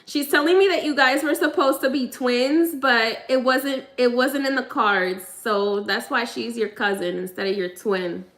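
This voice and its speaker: Young woman medium, higher voice, bright and forceful tone, chatty and laughing as she passes on spirit messages. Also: a little slow, few pauses. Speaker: psychic medium. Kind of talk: live mediumship reading, casual.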